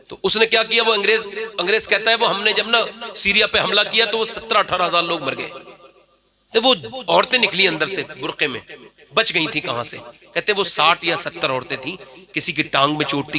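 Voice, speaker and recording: A man with a high-pitched voice preaches to a live gathering, an audible crowd around him. He tells stories quietly, then builds into loud, fervent exhortation. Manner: impassioned, swinging from quiet storytelling to shouted exhortation. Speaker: Islamic preacher. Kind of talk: sermon.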